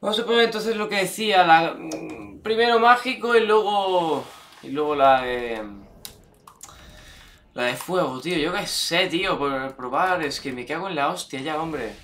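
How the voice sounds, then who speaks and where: A young man with a Spanish accent from Spain, commenting on his gameplay, excitable, shouting and swearing at the game. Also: on the high side, unhurried, a little hiss or hum. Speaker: gameplay streamer.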